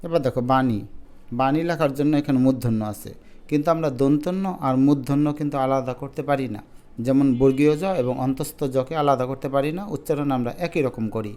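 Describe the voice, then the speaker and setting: A man teaching an exam-prep lesson, pronouncing each word slowly syllable by syllable to model it. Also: mid-range voice, fairly even intonation, mellow. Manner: drawn-out slow syllables when modelling words.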